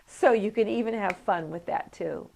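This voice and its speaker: A woman's voice: medium pitch, moderate pace, vocal fry, a little hiss or hum. A woman instructor teaching a coparenting class, telling stories and acting out what people said. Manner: animated storytelling, acts out quoted voices. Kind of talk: lively teaching talk with anecdotes.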